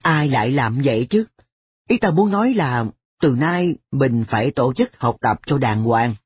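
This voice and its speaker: A reader voicing an earnest schoolboy who scolds his friend in sharp, exasperated questions, in a story reading. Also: medium pitch, animated, a little slow, husky, dry recording, dull audio. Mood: persuading. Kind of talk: audiobook dialogue.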